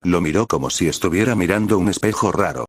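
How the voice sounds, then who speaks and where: A man narrating a dramatized fan fiction story in a steady, solemn way. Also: deep voice, fast talker, breathy edge, dry recording, clean studio sound.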